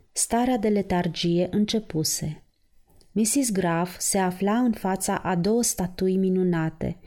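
A woman narrating a novel as an audiobook in a measured storytelling manner. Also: medium pitch, darkish tone.

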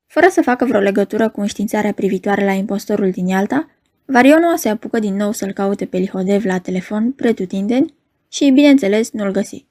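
A woman reads a novel aloud in a measured, even storytelling manner. Her voice sits at a medium pitch. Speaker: audiobook narrator. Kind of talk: novel reading.

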